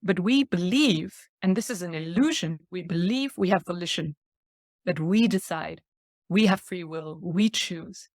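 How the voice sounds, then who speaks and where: Her voice sits lowish and a little slow, with a darkish tone, captured dry at studio quality. She's in her forties, raised in Thailand, and appears as a podcast guest, earnestly working through ideas with soft laughs in between.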